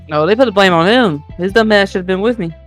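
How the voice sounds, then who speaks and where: High-voiced young man, blunt and profane. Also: fast, fairly bright tone, faint music behind. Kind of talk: casual chat among friends.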